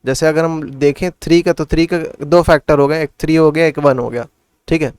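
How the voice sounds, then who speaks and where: A man's voice: on the high side, steady tone, brisk, darkish tone, clear, resonant tone, dry recording. A man tutoring maths in casual Hindi mixed with English, working sums aloud and asking and answering his own questions. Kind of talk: casual classroom explanation.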